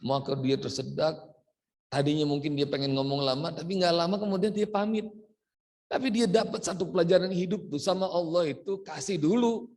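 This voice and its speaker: A man's voice: fairly high pitch, brisk. A male preacher, giving a sermon full of anecdotes and acting out the dialogue between characters. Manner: animated storyteller acting out dialogue. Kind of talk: sermon with storytelling.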